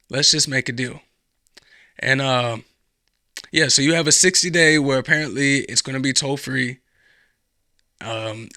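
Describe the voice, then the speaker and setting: Speaking at a medium pitch in a pushed, bright voice, a young man from the United States hosts a podcast of casual political commentary. The recording is dry and studio quality, and he rambles, repeats himself, and keeps restarting sentences.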